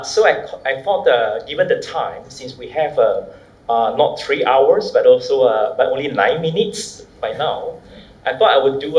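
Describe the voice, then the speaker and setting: A man with a Malaysian accent giving a semi-formal panel presentation, courteous and measured, in halting phrases. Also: medium pitch. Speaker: academic panelist. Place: echoey conference room. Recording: echoey room with faint noise.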